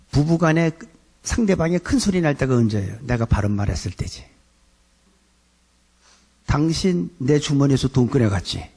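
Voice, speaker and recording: A man's voice: mid-range voice, dark tone, breathy edge. A middle-aged male pastor preaching a sermon in a conversational way, acting out quoted lines in his talk.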